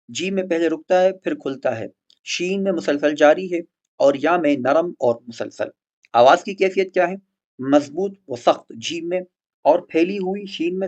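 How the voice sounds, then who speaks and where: A man teaching the articulation of letters for Quran recitation, patient and methodical, repeating example words slowly. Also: fairly high pitch, darkish tone. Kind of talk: explaining letter articulation in a recorded lesson.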